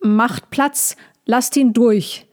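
A woman voicing an eager, brave young male creature in a storybook reading, calling out excitedly. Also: medium pitch, normal speed, lightly acted.

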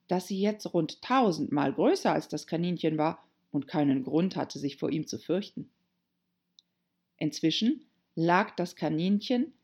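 Breathy woman reading a storybook. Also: deep voice. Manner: expressive reading. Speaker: narrator. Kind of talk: storybook narration.

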